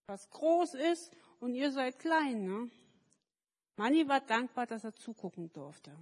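At a service, a woman tells children a story in a slightly high, lively voice full of questions. The hall gives her voice a long echo.

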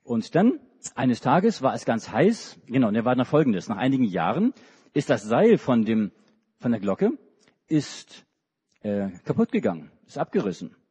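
In a dull recording from a reverberant hall, a middle-aged preacher from Hamburg tells children a story during a church service. His medium-pitched voice is dark with a breathy edge and swings widely in pitch at a normal speed. He hesitates and restarts frequently.

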